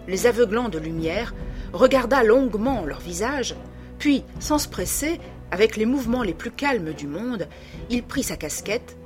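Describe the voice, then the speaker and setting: A woman reading a novel aloud as scripted narration, with dramatic, lively storytelling. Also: medium pitch. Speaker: audiobook reader.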